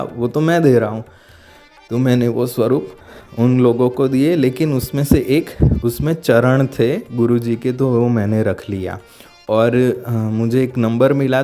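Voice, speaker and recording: A man tells a heartfelt personal testimony in a dark, relaxed voice. He speaks earnestly, often halting and starting sentences over as he looks for the right words. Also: medium pitch. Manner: halting, searching for words, frequent restarts. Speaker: devotee sharing a testimony.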